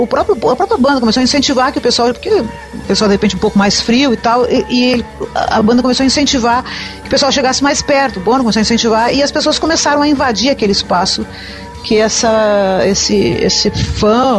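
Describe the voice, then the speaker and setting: A podcast host tells an anecdote in relaxed, conversational talk, pausing to paraphrase lines. Soft music plays faintly underneath. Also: mid-range voice. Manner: storytelling, retelling events with quoted lines. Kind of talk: casual chat.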